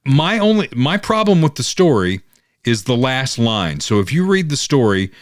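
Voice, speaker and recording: A man, hosting a political podcast and talking in a casual, animated way. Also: medium pitch, normal speed, no room sound, clean studio sound. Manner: animated, mocking quoted critics. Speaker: podcast host.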